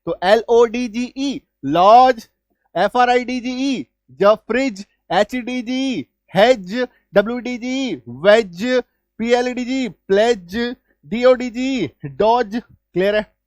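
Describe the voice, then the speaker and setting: Guy teaching spelling rules, keeps asking "clear?", dry close sound. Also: very high-pitched, darkish tone, no room sound. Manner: checks understanding often, spells letters out slowly. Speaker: English teacher. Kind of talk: spoken spelling lesson.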